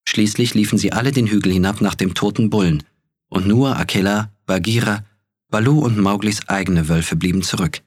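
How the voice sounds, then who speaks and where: A man narrating a story in a calm, measured way. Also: lowish voice, slightly rough, no room sound, studio quality. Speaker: audiobook narrator. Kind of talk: scripted narration.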